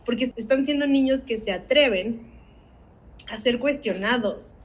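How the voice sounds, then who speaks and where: A fairly high-voiced woman leads a parenting workshop. She speaks earnestly and keeps turning to her listeners with rhetorical questions and a quick "¿no?" tag. Her delivery is that of a teacher guiding parents. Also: rough recording. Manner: earnest, asks the audience rhetorical questions, tags with "¿no?". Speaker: academic coordinator leading a parenting workshop.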